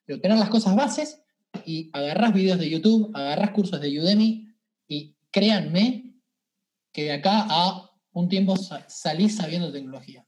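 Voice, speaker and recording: A man with an Argentine accent, a guest telling stories in a casual interview, animated and colloquial with frequent restarts. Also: high voice, normal speed. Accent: Argentine Spanish.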